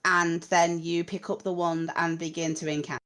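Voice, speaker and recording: A woman running a tabletop game as game master, narrating the scene in a halting way with fillers and restarts. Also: fairly low pitch, level tone, fairly bright tone, rough recording.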